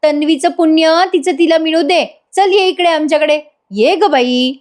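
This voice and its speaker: A woman's voice: sits high, normal speed, a little mellow, voice pushed up, natural voice. A woman with a Marathi accent voicing a scheming aunt who teases and orders others around, in a serial recap. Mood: mocking.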